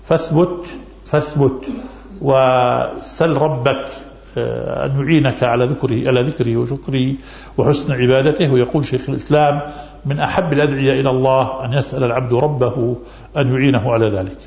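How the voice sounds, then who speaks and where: A man's voice: mid-range voice, fairly even intonation, a little fast, gravelly, darkish tone. A man, an Islamic scholar, answering religious questions in a lesson and repeating key phrases for emphasis. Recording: echoey, dull lo-fi recording.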